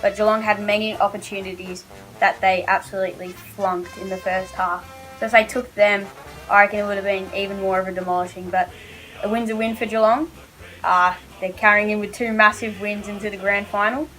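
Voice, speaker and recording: A woman's voice: medium pitch, little pitch movement, a little fast, a bit bright, soft background music, rough recording. A woman with an Australian accent co-hosting a sports podcast, talking through match analysis in a casual way. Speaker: podcast co-host.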